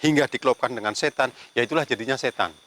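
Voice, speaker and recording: A man's voice: mid-range voice, fast talker, fairly bright tone. A man narrating a ghost-hunting vlog outdoors among banana trees, murmuring prayers and challenging unseen spirits. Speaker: paranormal investigator.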